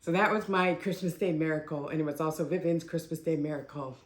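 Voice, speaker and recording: A woman's voice: deep voice, fairly quick, roomy sound. A woman, a family caregiver, telling a personal story in a casual, conversational way, with many fillers and restarts.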